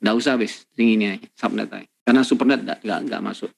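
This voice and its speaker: A man's voice: fairly low pitch, fairly even intonation, fast, vocal fry. A man giving a university lecture, emphatic and repetitive, with many rhetorical tag questions. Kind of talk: classroom lecture.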